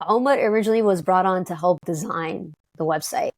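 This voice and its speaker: A woman from Detroit, talking as an interview guest in an upbeat, quick way with many fillers and restarts. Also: on the low side, no echo. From Detroit, United States. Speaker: guest, company co-founder. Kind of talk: conversational interview.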